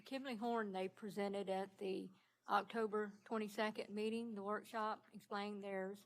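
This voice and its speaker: A woman's voice: medium pitch, level tone, moderate pace, poor audio. A woman speaking as city clerk, briefing a commission in a plain, matter-of-fact way. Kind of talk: briefing at a public meeting.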